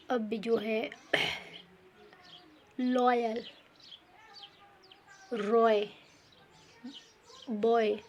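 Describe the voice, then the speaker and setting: A woman teaching pronunciation at a very unhurried pace, her voice sitting at an ordinary middle pitch. She keeps asking and answering her own questions and correcting herself, with a faint hiss behind her. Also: darkish tone. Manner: slow, repetitive, quizzes with rhetorical questions; frequent fillers and self-corrections. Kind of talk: explaining pronunciation rules.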